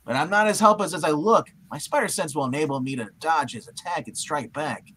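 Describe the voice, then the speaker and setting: A man's voice: on the high side, brisk, sharp tone, a little hiss or hum, voice pushed down. A man voicing a brash, wisecracking young superhero, melodramatic and exclamatory, in a comic book puppet-show reading. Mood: determined.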